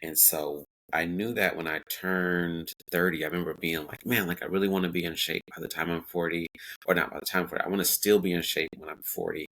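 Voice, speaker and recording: Podcast guest, male, 40s, very low bright voice, reflective and chatty. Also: fairly even intonation, a little fast, low-quality recording. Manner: reflective, many fillers and self-quotes. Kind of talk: casual interview talk.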